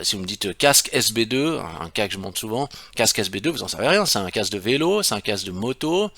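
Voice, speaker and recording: A man's voice: mid-range voice, pushed and bright, no room sound. A man, an e-commerce consultant explaining in a casual, emphatic way and asking his viewers rhetorical questions. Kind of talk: screen-share tutorial.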